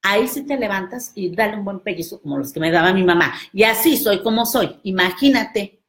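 A woman gives a live motivational talk to her viewers. She is emphatic and speaks straight to the listener. Her voice is at an ordinary middle pitch. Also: lively intonation, brisk. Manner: emphatic, addresses listener directly.

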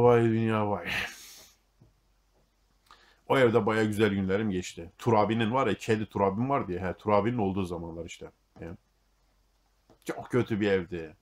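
Fast-talking, low-voiced, cursing man. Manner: blunt and heavy on profanity; grumbling and fatalistic. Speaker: YouTube monologue host. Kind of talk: casual storytelling monologue.

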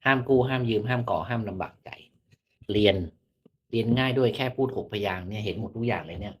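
A man's voice: on the low side, quick pace. A man telling fortunes on a live stream, chatty and teasing in a mock-mystical way. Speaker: fortune teller.

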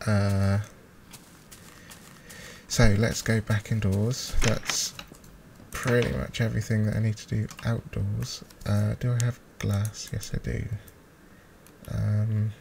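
Slow and creaky, this man's lowish voice barely moves in pitch as he gives casual, hesitant let's play commentary. The gaming video host is thinking aloud, with mouse clicks and keyboard noise behind him. A close desktop mic with high gain picks it all up.

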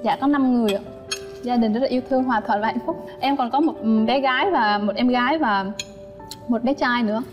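Polite young woman, rather high. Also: a little fast, muffled recording. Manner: polite, sweet, asks many questions. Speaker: dating show contestant. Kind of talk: casual chat on a first date. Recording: studio sound with reverb and loud music.

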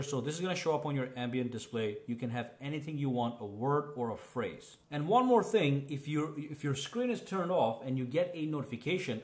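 A man giving a casual step-by-step walkthrough of phone settings, chatty and explanatory, checking in with the viewer as he goes. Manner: chatty, explains step by step, often says "okay?" and "boom". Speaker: tech reviewer.

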